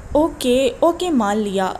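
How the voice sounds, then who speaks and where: A woman's voice: high-pitched, lively intonation, darkish tone, a little hiss or hum. A woman voicing an aloof young man who speaks curtly in an audiobook. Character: aloof, cold young man, band musician.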